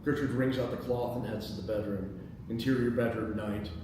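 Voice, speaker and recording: A man with a lowish, steady voice talks a little fast as he hosts a script table read and reads the stage directions aloud. He's in an indoor meeting space, picked up by a distant mic in a very echoey room with background noise.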